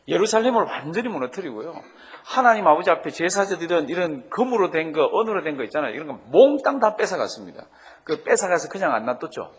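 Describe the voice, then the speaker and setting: A man who is a pastor, teaching a Bible study sermon and leading his congregation to read Scripture aloud with him. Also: high-pitched. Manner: animated, leads congregation in reading aloud. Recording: long reverb of a hall.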